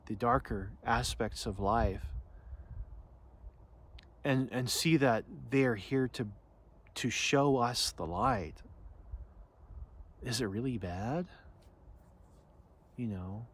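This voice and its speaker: A man's voice: medium pitch, slight background noise. A man giving an unscripted spiritual talk as teacher, earnest and reflective, often restarting and searching for words. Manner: halting and searching, frequent restarts and "you know".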